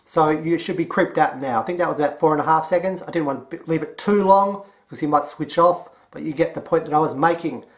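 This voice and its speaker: Australian man, slightly high voice, deadpan, mocking commentary. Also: fast, hardly any pauses. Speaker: commentary vlogger. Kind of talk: sarcastic commentary.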